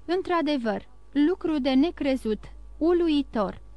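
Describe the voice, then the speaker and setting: A woman narrating a classic novel in a measured, expressive audiobook reading. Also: high voice, no room sound.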